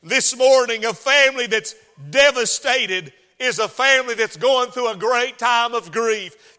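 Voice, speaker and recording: High-voiced preacher in a reverberant church. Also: male voice, bright, forceful tone. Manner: preaching with call-and-response and rising outbursts. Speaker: pastor. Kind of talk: sermon. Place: church sanctuary. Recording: long hall reverb.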